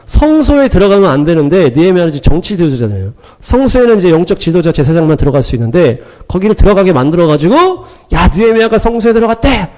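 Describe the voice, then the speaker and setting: A man preaching a sermon in an animated, emphatic way, acting out quoted dialogue and punching his points with sharp sound-words. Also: a little high, quick pace, few pauses. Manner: acts out quoted dialogue, chuckling. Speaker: pastor.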